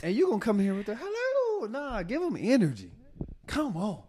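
A man's voice: high-pitched, huge pitch swings, normal speed, dark tone, slight background noise. A man co-hosting a marriage podcast in casual chat, playful and hyping up his listeners. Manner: hyped, playful, hypes up the audience. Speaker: podcast co-host.

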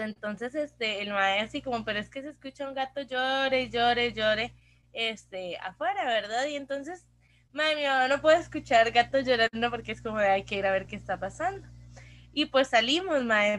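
A young Costa Rican woman chatting on a podcast with a fairly high voice. She tells long, lively stories full of slang and switches into English phrases mid-sentence. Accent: Costa Rican Spanish. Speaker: podcast co-host. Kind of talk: casual chat.

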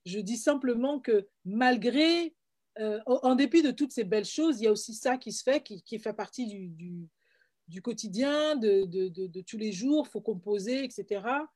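A woman's voice: a little high, animated, normal speed, a little mellow. A middle-aged woman from Paris with a French accent, speaking earnestly and reflectively as an interview guest, with frequent hesitations and repeated words. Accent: French from France. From France, Paris. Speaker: guest, filmmaker and playwright. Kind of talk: personal testimony in an interview.

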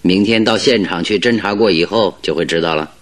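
An actor playing Sherlock Holmes as a composed, analytical detective in a radio drama, speaking deliberately and with authority. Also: male voice, deep voice. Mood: thoughtful, assured. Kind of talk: Mandarin radio drama acting.

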